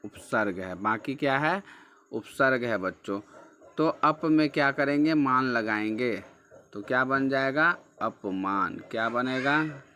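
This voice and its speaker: Teaching a textbook chapter at a slow classroom pace, a man speaks in a bright, forceful, mid-range voice. He's patient, keeps repeating the key words, and asks himself questions before answering them.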